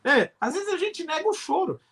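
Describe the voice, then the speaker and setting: A man's voice: extremely high pitch, very animated, moderate pace, fairly bright tone. An older man from Brazil, a pastor, answering in an earnest, explanatory way during a live-streamed interview.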